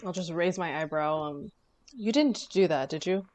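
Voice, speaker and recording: A woman's voice: fairly low pitch, moderate pace, darkish tone, slight background noise, rough recording. A young woman playing her character in a tabletop game, speaking hesitantly with many fillers. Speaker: player.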